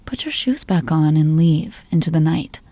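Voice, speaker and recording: A woman playing a jealous, possessive girlfriend in an ASMR role-play, teasing and interrogating her partner in a slow, controlling murmur. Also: sits low, expressive, mellow, no echo. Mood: possessive, stern.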